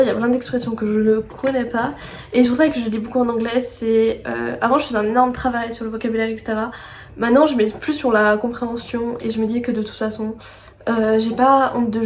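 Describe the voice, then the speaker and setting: A woman's voice: fairly high pitch, a little mellow, slight background noise. Chatty young woman unboxing books. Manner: chatty, rambling, many fillers and asides. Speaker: book vlogger. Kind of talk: casual unboxing vlog.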